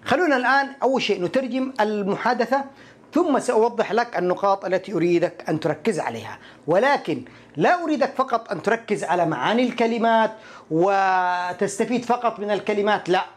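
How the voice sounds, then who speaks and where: A man teaching English in an online lesson, explaining patiently and repeating short English phrases slowly while talking straight to the viewer. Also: high voice, lively intonation. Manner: addresses the viewer directly.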